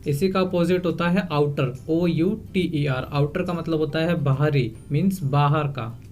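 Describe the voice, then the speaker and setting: Slow, careful male language teacher. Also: a little high, a little mellow, faint music behind. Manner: spells each word letter by letter, then gives its meaning. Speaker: English teacher. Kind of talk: vocabulary lesson, spelling words aloud.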